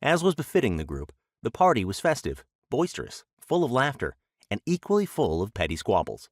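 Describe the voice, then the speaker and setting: A man's voice: mid-range voice, huge pitch swings, a little fast, no echo, clean studio sound. A man narrating a scripted trickster tale as an audiobook storyteller.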